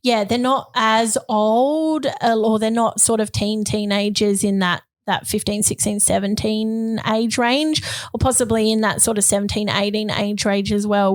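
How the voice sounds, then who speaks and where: A middle-aged Australian woman co-hosting a casual podcast, her voice croaky as she recovers. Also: medium pitch, dry recording. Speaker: podcast co-host. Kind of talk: casual conversational podcast chat.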